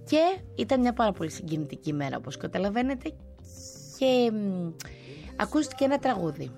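A woman radio host talking casually in a conversational way, pausing on fillers and restarting words as she goes. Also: mid-range voice, big pitch swings, vocal fry, darkish tone. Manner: conversational, with frequent hesitations and restarts. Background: faint music.

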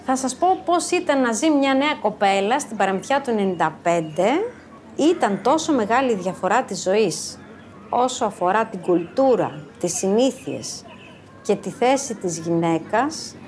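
Animated middle-aged woman telling a story. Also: medium pitch, a little hiss or hum. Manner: lively, animated, acts out quoted voices. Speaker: storyteller, former social worker. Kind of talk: personal storytelling to an audience.

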